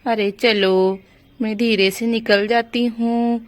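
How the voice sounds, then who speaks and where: Brief: a woman doing a worried pregnant young aunt, high slow plea, dry close sound, doll story. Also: steady tone, dry recording. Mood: distressed. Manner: anxious, pleading. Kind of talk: doll story role-play.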